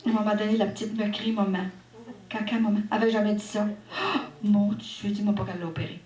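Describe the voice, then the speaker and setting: A woman in her sixties with a Québécois accent, giving a personal faith testimony in a lively, expressive storytelling manner with asides. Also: medium pitch, quick pace. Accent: Québécois French. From Quebec. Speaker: testimony giver at a religious mission. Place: church hall at a religious gathering. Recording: echoey hall, faint background noise.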